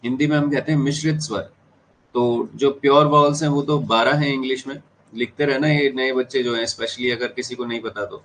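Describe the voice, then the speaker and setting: In a classroom lecture for exam prep, a man with an Indian accent switches between Hindi and English, repeating key terms and checking whether students follow. His voice is medium-pitched, steady, a little fast and fairly bright. The recording is low quality, with a little hiss or hum.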